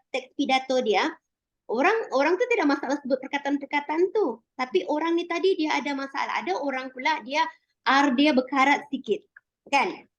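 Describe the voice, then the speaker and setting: A Malaysian Malay-accented woman chatting casually about speechmaking, animated, with many fillers and restarts. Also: high-pitched. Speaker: public speaking club guest.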